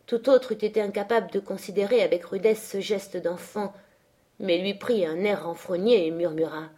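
Woman narrator for a literary audiobook, measured and steady delivery. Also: medium pitch.

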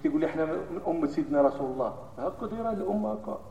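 High fast-talking Moroccan preacher in an echoing hall. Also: male voice, gravelly, a little hiss or hum. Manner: swings from hushed solemn recitation to loud animated scolding. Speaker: Friday preacher. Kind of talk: Friday sermon in Moroccan Arabic mixed with classical Arabic. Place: mosque hall. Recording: echoey hall from far off, dull lo-fi sound.

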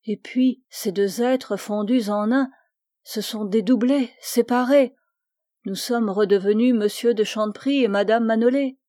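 Woman voicing a tender, ailing young heroine for an audiobook, warm dry tone. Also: a little high, unhurried, no echo, close to an everyday voice. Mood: wistful. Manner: soft, wistful.

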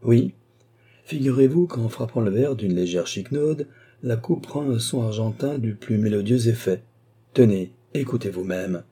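A man's voice: medium pitch, lively intonation, moderate pace, dark tone, husky, voice pushed up. A man voicing an anxious aristocratic count, a fretful father who speaks eagerly and insistently in a read-aloud novel.

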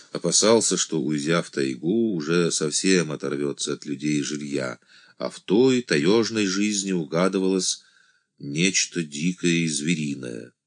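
A man reading a novel aloud as an audiobook narrator, measured and expressive. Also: sits low, no echo, clean studio sound.

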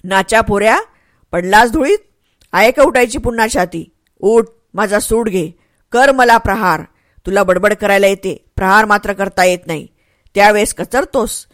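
A woman's voice: medium pitch, moderate pace, no room sound, lightly acted. A woman voicing a mighty older male warrior and father, taunting and mocking in his speech. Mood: scornful.

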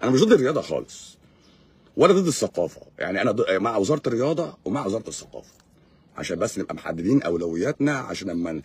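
A man's voice: lowish voice, a little mellow, husky, no echo. A man with an Egyptian accent, a doctor hosting a live stream, lecturing in a sarcastic, mocking way. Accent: Egyptian Arabic. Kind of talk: casual live-stream monologue.

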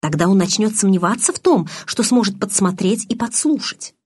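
A woman's voice: sits high, big pitch swings, normal speed, a little mellow, husky, voice pushed up, exaggerated voice. A woman reading an audiobook, voicing an anxious, insistent teenage girl who argues and pleads. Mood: eager. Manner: pleading, argumentative.

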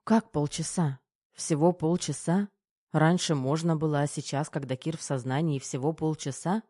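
A man's voice: fairly high pitch, steady tone, normal speed, warm tone, dry recording, studio quality, lightly acted. Man voicing a devoted tearful young woman. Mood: distressed.

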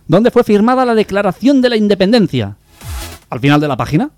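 A man's voice: high-pitched, big pitch swings, a little fast, a little mellow, faint music behind. A young man co-hosting a community radio humor show, telling jokes and quizzing his co-hosts playfully.

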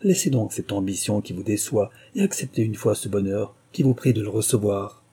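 A man reading an audiobook and voicing a dignified older male baronet with a measured, formal delivery. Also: fairly low pitch, warm tone, husky. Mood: stern.

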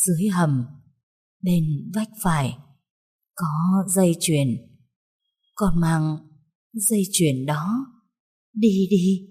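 A woman voicing a dying older mother who speaks her last words in a faint, halting whisper. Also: lowish voice, warm tone, husky. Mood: fading. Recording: long reverb.

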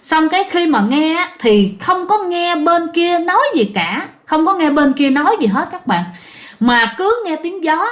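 A woman tells a ghost story in a loose, chatty way. Her voice sits high, and she keeps turning to address her listeners as she goes. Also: sing-song, measured pace, fairly bright tone. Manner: chatty, addresses listeners directly, acts out quotes. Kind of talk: casual spoken storytelling.

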